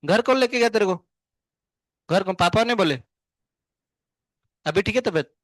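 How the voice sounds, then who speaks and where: High-voiced male teacher quizzing his class. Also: animated, a bit bright, dry recording. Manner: chatty, scolding then explaining, asks students many quick questions; hums tunes to show wave shapes. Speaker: physics teacher. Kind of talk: live classroom lecture.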